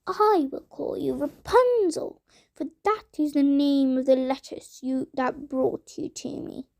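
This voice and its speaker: A cruel old witch with a shrill, piercing voice pitched far up, as a woman puts her on. She hisses and shrieks her threats in a storybook reading, with an odd, strained tone. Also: expressive, a little slow, darkish tone. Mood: hissing. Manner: shrill, hissing, menacing.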